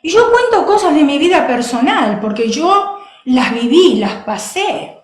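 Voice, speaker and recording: A woman preacher giving a sermon, animated and laughing, acting out other people's voices. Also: high-pitched, measured pace, echoey room.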